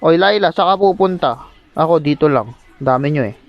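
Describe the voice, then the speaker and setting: A man from the Philippines streams a mobile game, narrating each play with teasing, excitable banter. His voice sits fairly high, and the audio is muffled and lo-fi. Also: a little fast. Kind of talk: casual live gameplay commentary.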